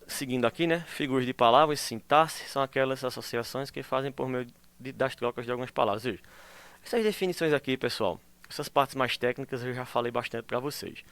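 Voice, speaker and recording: A male teacher giving a recorded school lesson. He explains patiently, checks in constantly with tag questions, and acts out example phrases in a lively way. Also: mid-range voice, fairly quick, clean tone.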